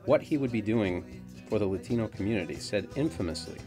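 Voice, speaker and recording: A man with a lowish voice reads documentary narration in a measured, formal way. Clear music runs beneath his words. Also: expressive. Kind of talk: scripted narration. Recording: music bed under narration.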